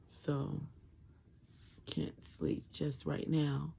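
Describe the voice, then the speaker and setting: A vlogger in their late twenties speaks slowly in a husky, gravelly voice. The throat sounds swollen and sore after tonsil removal, so words come out thick and muffled. The delivery is tired, rambling and dull-edged. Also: medium pitch, sing-song, mellow. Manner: halting, rambling. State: tired, medicated, in throat pain. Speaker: vlogger sharing surgery recovery. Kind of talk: casual talk to camera. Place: room at home.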